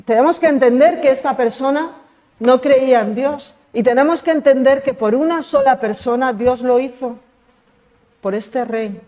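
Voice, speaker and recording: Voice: sits high, normal speed, darkish tone. Preacher from Spain in a reverberant church. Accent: Spain Spanish. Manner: conversational, asks the congregation questions. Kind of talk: sermon.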